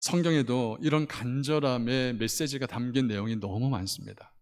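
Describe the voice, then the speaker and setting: A middle-aged man from Korea preaching a sermon as pastor, swinging from loud passionate appeals to hushed storytelling. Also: medium pitch, moderate pace. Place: church sanctuary. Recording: long church hall reverb.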